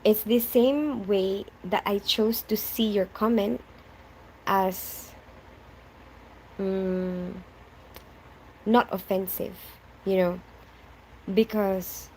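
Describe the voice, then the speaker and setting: Hosting a relaxed live stream, a young Filipina-raised woman reads out viewer names, replies to comments in a chatty way, and laughs a lot. She speaks at a middle pitch through a home mic, and the low-quality recording carries faint background noise.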